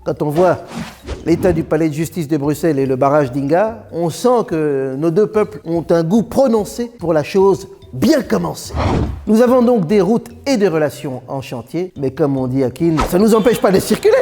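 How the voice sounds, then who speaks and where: A man's voice: a little high, moderate pace, a little hiss or hum. A male comedian of Belgian and Congolese background delivering a playful, teasing comic monologue. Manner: playful, teasing, lively punchlines.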